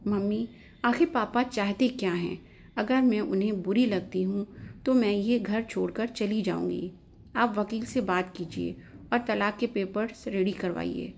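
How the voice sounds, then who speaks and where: Angry young wife, read by a woman storyteller; indignant, stubborn, gravelly tone. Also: medium pitch, unhurried, slight background noise. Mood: upset. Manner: sharp, indignant.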